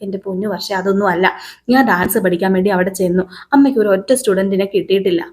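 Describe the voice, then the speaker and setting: A woman's voice: mid-range voice, rapid-fire, close to an everyday voice. Woman doing a patient young wife. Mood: defensive. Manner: calm, explaining.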